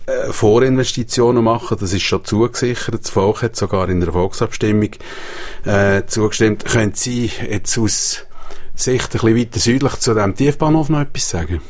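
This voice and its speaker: A man's voice: lowish voice, normal speed, a little mellow. A man with a Swiss German accent interviewing a politician on the radio, asking conversational, probing questions.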